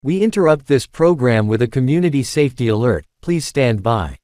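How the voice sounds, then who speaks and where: A man's voice: mid-range voice, very animated, fairly quick, mellow, no echo, clean studio sound. A man announcing a mock emergency broadcast that interrupts the program, in a formal announcer manner.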